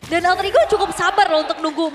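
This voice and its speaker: A woman's voice: extremely high pitch, steady tone, fast talker. A woman with an Indonesian accent giving live commentary on an esports match as a caster. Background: music.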